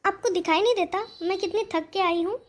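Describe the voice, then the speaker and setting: A woman's voice: very high voice, fairly even intonation, fairly quick, pitched above the performer's own voice. A woman doing a snappy, rude young daughter-in-law. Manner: snappy, dismissive. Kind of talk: cartoon story voice acting.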